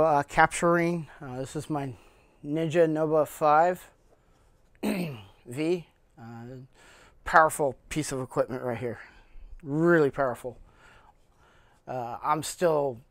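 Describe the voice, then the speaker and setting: Speaking off camera from an indoor room with a cloth backdrop, a channel host gives a casual show-and-tell of his equipment cases. His slightly high voice is recorded dry, and his talk is full of fillers and frequent throat clearing.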